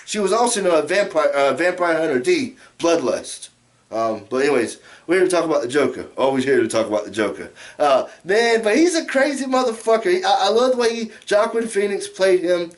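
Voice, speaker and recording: High-voiced American man, drunken ranting, rambling, repetitive, foul-mouthed, casual vlog style. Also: animated, fairly quick. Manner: heavily profane. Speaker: amateur movie reviewer.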